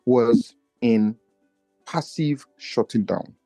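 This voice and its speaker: He speaks slowly, a man from Nigeria guesting on a podcast, his tone dark and his voice low, which he feels doesn't carry. Faint music sits behind a recording with no echo. The conversation is reflective and personal, and he talks earnestly, searchingly, restarting his thoughts often.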